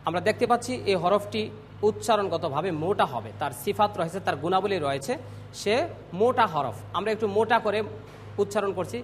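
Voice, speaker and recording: A man teaching Quran pronunciation, drilling letter sounds slowly and clearly and calling on students to repeat after him. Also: high-pitched, lively intonation, big-room sound, a little hiss or hum. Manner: slow, clear drilling of letter sounds with call-and-response prompts. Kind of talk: classroom pronunciation lesson.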